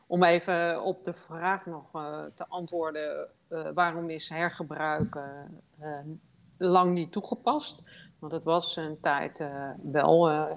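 Gravelly-voiced woman on a phone line. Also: low voice. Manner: hesitant, halting with many fillers. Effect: heard over a phone line. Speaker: guest expert on a phone line. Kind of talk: panel discussion.

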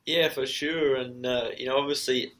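A man's voice: medium pitch, steady tone, normal speed, fairly bright tone. A man giving casual interview answers as a racer, modest and understated, with many conversational filler phrases. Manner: modest, understated, leans heavily on "you know". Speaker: professional motorcycle racer being interviewed.

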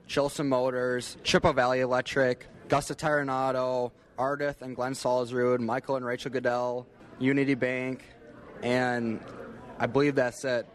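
A young American man giving casual, halting, plain-spoken answers as an interview guest. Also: medium pitch. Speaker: interview guest, livestock exhibitor.

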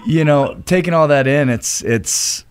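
A man's voice: a little high, measured pace, background noise. Earnest man rambling in an interview. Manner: rambling, many restarts, earnest. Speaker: retired baseball pitcher, studio guest. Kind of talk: casual interview chat.

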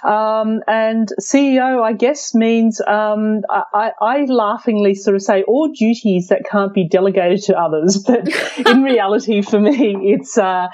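A woman's voice: mid-range voice, unhurried, darkish tone, lo-fi sound. A woman from Australia, an arts venue chief executive, answering interview questions in a hesitant way with many fillers and restarts.

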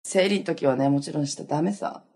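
A woman's voice: low voice, fast talker, mellow, slightly rough. A young woman in her twenties hosting a casual solo podcast, chatty and self-mocking, laughing often as she talks. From Okinawa, Japan. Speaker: podcast host.

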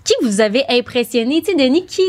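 A woman hosts the conversation with engaged, quick follow-ups. Her voice sits a little higher than usual, and she keeps her guests talking. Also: animated. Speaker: interviewer, host. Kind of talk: interview conversation.

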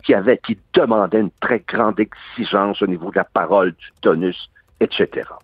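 Older Québécois actor, husky voice, animated delivery, on a tinny line. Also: male voice, lowish voice, normal speed, dry recording. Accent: Québécois French. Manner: animated, long-winded monologue. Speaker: actor guest. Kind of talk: radio interview.

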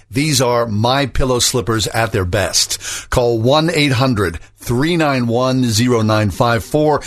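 A man hosting a radio show, reading sponsor copy and chatting with guests. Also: medium pitch. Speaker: radio host. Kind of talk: radio ad read and host chat.

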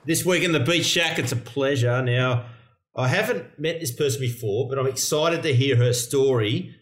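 A man's voice: mid-range voice, moderate pace, roomy sound. An Australian man hosting a podcast, talking with a guest in a friendly, bantering way. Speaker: podcast host. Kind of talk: casual interview chat.

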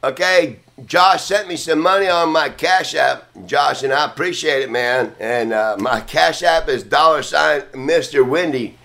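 A man's voice: a little high, measured pace, vocal fry, hardly any pauses, bright, forceful tone. A middle-aged man hosting a casual livestream from an outdoor balcony, rambling offhand and swearing freely. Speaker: livestream host. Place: outdoor balcony near neighbors.

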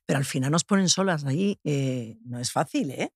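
A woman's voice: sits low, animated, moderate pace, a little mellow, husky, no room sound, studio quality. A middle-aged woman interviewing a guest in a casual, chatty way, often tagging her sentences with little questions. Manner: chatty, peppers speech with "¿sabes?" and "o sea". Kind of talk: intimate conversational interview.

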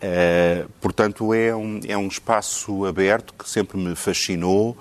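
A man's voice: deep voice, fairly even intonation, unhurried. A man with a Lisbon Portuguese accent, a talk show guest who speaks hesitantly, repeating words often. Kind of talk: casual talk show conversation.

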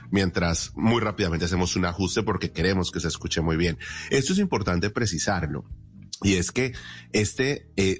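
Low-voiced Colombian man hosting radio. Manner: didactic, emphatic with rhetorical questions. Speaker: radio host. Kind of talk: explanatory radio presenting and interviewing.

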